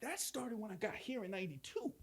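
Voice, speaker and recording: A man's voice: sits high, sing-song, fast, creaky, slightly rough. A middle-aged man hosting a casual podcast, telling stories in an emphatic way. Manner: storytelling, emphatic, with laughs. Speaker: podcast host.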